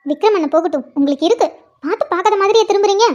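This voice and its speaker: A woman's voice: extremely high pitch, animated, very fast, darkish tone. A woman voicing a chatty, teasing young woman in a cartoon. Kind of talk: cartoon voice acting. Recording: dull lo-fi sound.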